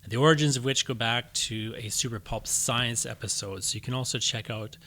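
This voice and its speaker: A man hosts a podcast about writing, talking casually and explaining his points through leading questions. His medium-pitched voice is pushed and bright at a fairly quick pace, recorded on a studio microphone.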